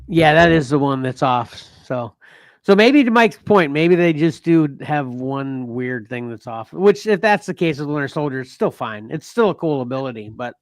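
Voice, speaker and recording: A man hosting a casual comics podcast, rambling with restarts and quick laughs. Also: fairly high pitch, lively intonation, no room sound. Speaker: podcast host. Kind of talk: casual chat.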